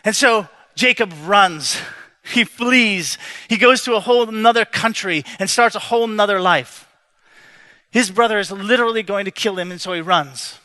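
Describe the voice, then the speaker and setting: Bright, high-voiced joking preacher man. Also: moderate pace. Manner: conversational, joking storyteller with frequent restarts. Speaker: pastor. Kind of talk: sermon.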